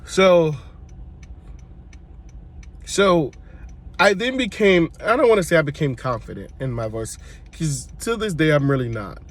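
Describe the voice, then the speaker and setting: A congested man, his voice sitting a little high for a man. He tells personal stories to his viewers in a loose, chatty way and often corrects himself mid-sentence. He speaks as a church worship singer looking back on his life. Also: big pitch swings, brisk. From Brooklyn, New York. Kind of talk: casual personal storytelling to camera.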